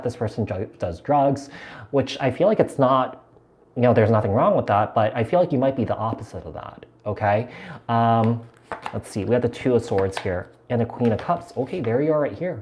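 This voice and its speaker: A man reads tarot cards live in a loose, rambling way, repeating himself and circling back with fillers. His voice sits at an ordinary middle pitch for a man. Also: a little mellow. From United States. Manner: chatty and meandering, many fillers and repeats. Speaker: tarot reader. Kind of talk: live tarot reading, casual chat.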